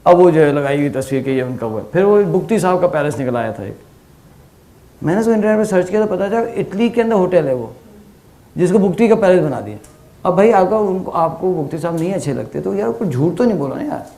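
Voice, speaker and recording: A middle-aged man lecturing to a class in an easy, talkative way. His voice sits a little high but sounds warm and mellow. He tells anecdotes and keeps asking his listeners questions. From Pakistan. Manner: animated storytelling with rhetorical questions and English phrases. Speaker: teacher. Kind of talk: conversational lecture.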